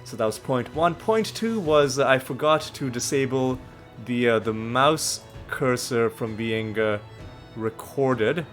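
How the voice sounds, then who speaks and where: A man narrates a let's play in a casual, rambling way, often correcting himself, his voice slightly nasal as he recovers from a cold. He's animated, medium-pitched, and a bit bright, taking it slowly but with hardly any pauses. Music plays faintly underneath.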